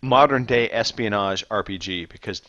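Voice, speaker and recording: A man's voice: fairly low pitch, moderate pace, fairly bright tone, no echo, highs cut off. A man hosting a casual gaming podcast, running a quiz in a playful, teasing way.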